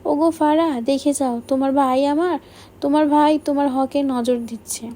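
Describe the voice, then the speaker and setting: A woman's voice: high-pitched, fairly even intonation, normal speed, mellow, natural voice. Woman reading as a teasing young prankster man. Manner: mock-dramatic, teasing.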